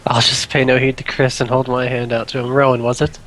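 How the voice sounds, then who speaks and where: Laid-back tabletop player. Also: male voice, mid-range voice, little pitch movement, fast, a bit bright. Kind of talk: casual tabletop game chat.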